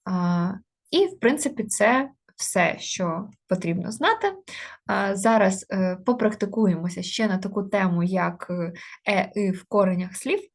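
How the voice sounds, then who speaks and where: A woman teaching an online grammar lesson. She explains step by step with many hesitation fillers and slows down to spell out example words. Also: medium pitch.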